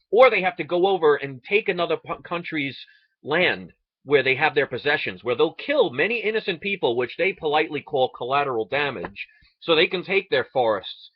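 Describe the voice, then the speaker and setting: A man from the United States, an online video ranter, delivers an impassioned, indignant political rant full of sarcasm and rhetorical questions. His voice is a little high and husky, and the recording is muffled with no room sound.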